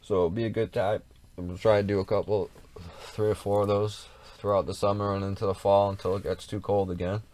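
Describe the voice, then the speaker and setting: A man's voice: fairly low pitch, level tone, a little fast, a little mellow. A man co-hosting a casual livestream, chatting in a rambling, repetitive way with plenty of swearing. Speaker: livestream co-host.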